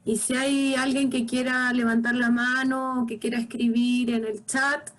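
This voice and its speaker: High-voiced woman moderating a call. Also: little pitch movement, unhurried, rough recording. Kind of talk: moderating an online discussion.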